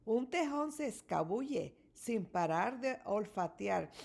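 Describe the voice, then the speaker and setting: A woman reads a rhyming children's book aloud in a slow, lilting rhythm. Her voice sits fairly high and swings through a wide range, carrying a noticeable gravelly texture. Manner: expressive, rhythmic rhyming delivery. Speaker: storybook reader.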